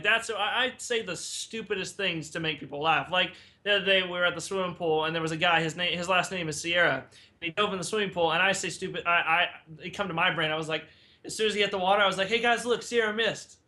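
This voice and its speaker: A man's voice: high-pitched, fast, pushed and bright. A man who is a guest on a podcast, chatting in a goofy, rambling, self-amused way. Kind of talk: casual podcast chat.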